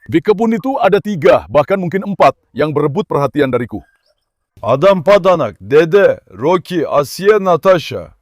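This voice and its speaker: A man vlogging with his dogs, talking to the viewers and coaxing and scolding the dogs in a soft voice. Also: a little high, sing-song, normal speed, no room sound, studio quality. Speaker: dog keeper and vlogger. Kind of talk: casual vlog talk to camera and dogs.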